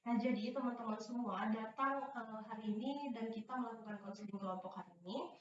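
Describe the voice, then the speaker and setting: This young woman speaks on the high side and slightly quickly while guiding a group counseling session in an instructional, teacherly way. She hesitates often with fillers and repeatedly makes sure everyone understands. Echo, faint noise, and a distant, dull mic mark the recording.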